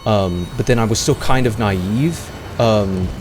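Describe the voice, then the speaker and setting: Rambling streamer, low voice. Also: male voice, a little slow, a little mellow, a little hiss or hum. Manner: meandering, self-deprecating, many fillers and restarts. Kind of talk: casual rambling livestream chat. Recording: music playing clearly behind the voice.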